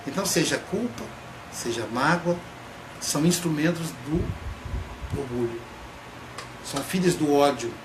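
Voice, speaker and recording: A man, a psychoanalyst, giving a reflective spoken talk and drawing out key words slowly for emphasis. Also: a little high, expressive. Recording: echoey room, faint background noise.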